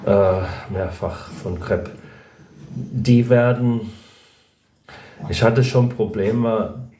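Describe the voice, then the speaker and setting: Speaking from home with his dog close by, this middle-aged Breton language vlogger rambles casually about learning a language, stumbling over fillers and restarting often. His voice sits lowish and sounds a little mellow, recorded in an echoey room.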